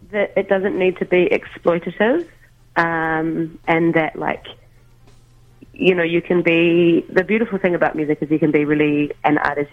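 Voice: medium pitch, no room sound. A musician guest talking casually by phone from home, hesitant, with many ums and restarts. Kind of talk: casual interview over the phone. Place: at home, making coffee. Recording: tinny phone line.

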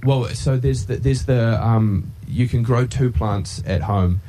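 A man with a New Zealand accent asking polite, halting questions as a radio interviewer. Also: medium pitch, warm tone.

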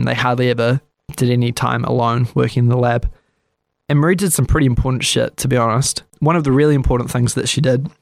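A man hosts a relaxed history chat, talking loosely and with a dry, sarcastic edge as he plays out the people in the story. His voice has a gravelly fry to it. The recording is dry and close, with no room sound. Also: medium pitch, dry recording. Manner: chatty, sarcastic, acts out quotes.

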